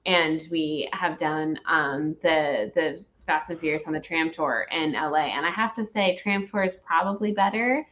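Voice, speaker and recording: A woman's voice: low-pitched, moderate pace, few pauses. A woman rambling emphatically and with opinions in a casual, ranting film review chat, as a host. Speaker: host of a movie review show. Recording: dull lo-fi recording.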